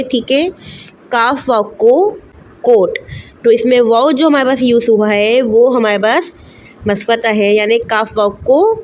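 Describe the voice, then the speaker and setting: A woman teacher with an Urdu-speaking Pakistani accent gives a first-grade lesson. She spells each word slowly, letter by letter, then reads it whole. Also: fairly high pitch, slight background noise.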